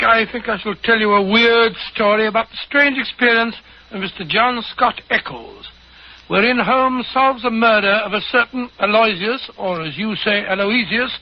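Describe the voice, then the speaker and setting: High-pitched, blustery British doctor. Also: male voice, heavily acted. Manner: blustery, hesitant, stammering. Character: fussy, loyal, good-natured older male English doctor. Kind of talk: 1940s radio drama acting. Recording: dull, noisy 1940s radio recording.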